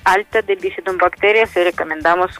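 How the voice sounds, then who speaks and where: A woman with a Russian accent explains conversationally in halting, non-native Spanish, often dropping small words. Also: on the low side, a bit bright, soft background music. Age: adult mother. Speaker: health product entrepreneur, interview guest.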